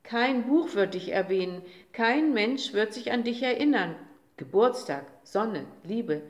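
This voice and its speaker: Woman doing a shouting, scornful uncle. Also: a little high, animated, measured pace. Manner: shouting, mocking. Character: scornful uncle day, boastful older male. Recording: roomy echo.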